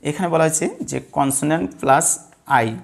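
A man's voice: on the high side, moderate pace, gravelly. A man teaching an English pronunciation lesson to students, patiently repeating rules and answering his own questions. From Bangladesh. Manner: patient, repetitive, asks students questions and answers them himself. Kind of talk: blackboard lesson explaining word stress.

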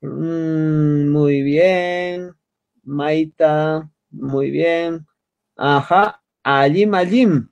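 A man teaching an online language class over a video call, patiently repeating words slowly for his students. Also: on the high side, creaky, darkish tone, lo-fi sound.

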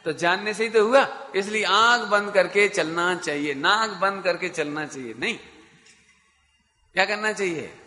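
A man's voice: high voice, sharp tone, big-room sound. A man giving a spiritual discourse to a live audience as a Jain teacher, who keeps asking his listeners questions and answering them himself. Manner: chants scripture lines slowly.

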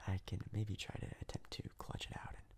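A gaming video host whispers soft ASMR commentary over a game in a breathy, husky voice, moving at a brisk clip. He rambles hesitantly and keeps repeating words.

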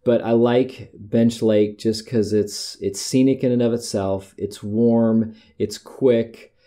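This podcast host is a middle-aged American man with a warm, lowish voice and fairly even intonation, speaking slowly. His talk about hiking is a loose, chatty monologue, and he frequently stops to correct himself partway through sentences.

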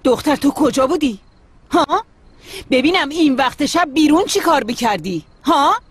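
A woman's voice: high-pitched, animated, dry recording. An actress dubbing a worried middle-aged mother who scolds and pleads with her daughter, in a TV drama dub. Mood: scolding. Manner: scolding, then soothing.

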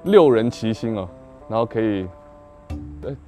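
A man's voice: fairly low pitch, lively intonation, measured pace, warm tone, faint music behind. A man chatting casually as a participant in an interview. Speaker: reality show participant.

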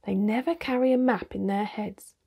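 A woman's voice: medium pitch, steady tone, normal speed, gravelly, warm tone, breathy edge. A woman reading a cocky, teasing boy. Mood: breezy. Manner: breezy, confident. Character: cocky, teasing younger brother.

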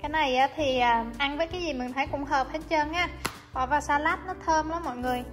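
A young woman with a high, bright voice, chatting warmly as she explains each cooking step. She talks in a friendly, easygoing way from her home kitchen. Soft music plays faintly under her voice. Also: fast talker. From Vietnam. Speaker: cooking vlogger. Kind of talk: casual cooking voice-over. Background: soft background music.

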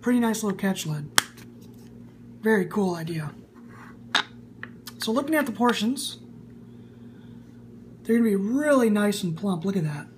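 Expressive and high-voiced, a young man in his twenties reviews snus at a measured pace with frequent pauses, sounding casual and upbeat. He's filmed indoors in a small room on a camera, and a faint hum runs underneath.

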